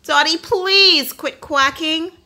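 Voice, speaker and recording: A woman reading a children's storybook aloud and voicing a quiet, gentle little quail with a soft, timid manner. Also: very high-pitched, slow, voice pushed up, exaggerated voice. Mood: plaintive.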